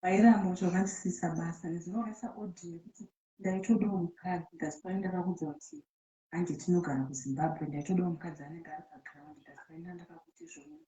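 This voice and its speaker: A woman speaks quickly and with emphasis, accusing and aggrieved, through a played-back voice message. Her tone is dark and mellow. The sound is dull and muffled, with a roomy echo. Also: fairly low pitch, fairly even intonation, a little hiss or hum. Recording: muffled, roomy voice-note playback.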